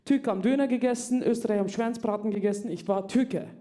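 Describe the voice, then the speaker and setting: Woman in her 30s doing stand-up, highish voice, chatty, talks right at the crowd. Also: fast, warm tone. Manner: chatty, confiding, addressing the crowd directly. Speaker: stand-up comedian. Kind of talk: stand-up comedy set. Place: comedy club stage.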